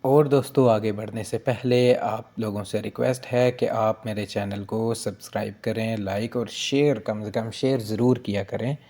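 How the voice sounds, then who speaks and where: A man giving a casual spoken language lesson, going slowly and repeating each phrase with "ठीक है जी". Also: lowish voice, steady tone, mellow. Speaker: language teacher.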